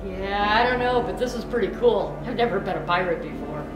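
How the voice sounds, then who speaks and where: A woman's voice: medium pitch, animated, brisk, lightly acted. A woman playing an earnest, keen friend in a light skit. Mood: curious. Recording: roomy, loud music underneath.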